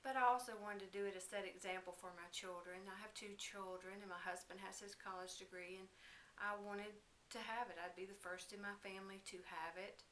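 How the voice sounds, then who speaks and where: Bright-voiced woman, echoey news interview. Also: medium pitch, fairly even intonation, a little fast. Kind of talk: student-made news interview. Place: indoors, in a home. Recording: roomy echo, faint hiss.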